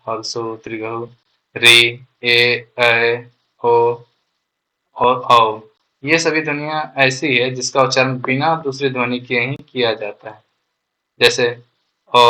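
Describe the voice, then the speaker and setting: A man teaches a grammar lesson in a bright, clear voice that stays fairly level in pitch. He explains patiently step by step, draws out the example sounds slowly, and keeps checking that the learners are following. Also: low-quality recording. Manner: explains step by step and often adds "ठीक है" to check understanding.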